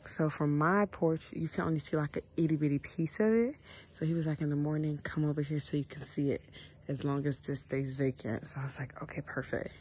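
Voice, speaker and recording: A woman in her twenties, just woken and raspy, chats casually to viewers as a travel vlogger, calling them "y'all" while walking them through her resort villa bedroom indoors. Her low voice is steady, fairly quick, and darkish, and the phone held at arm's length gives a rough recording with slight background noise.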